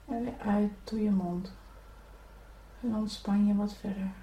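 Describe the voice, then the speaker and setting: A woman leading a guided spiritual meditation, giving gentle, soothing instructions to breathe and relax. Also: medium pitch, steady tone, measured pace. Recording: echoey room, from a distance.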